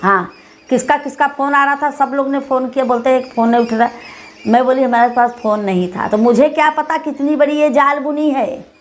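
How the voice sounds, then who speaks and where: A woman's voice: sits high, brisk, slight background noise. Bhojpuri-accented woman giving emotional testimony. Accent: Bhojpuri-tinged Hindi. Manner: rambling, repeats herself, acts out others' words. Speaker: interviewee, mother of the deceased.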